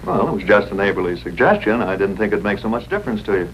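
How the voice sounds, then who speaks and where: Brief: male actor as easygoing military husband, 1950s TV drama, lowish voice, teasing and folksy, faint noise on old soundtrack. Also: expressive, fast talker, muffled recording, natural voice. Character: easygoing, teasing Air Force captain and husband. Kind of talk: 1950s TV broadcast drama acting.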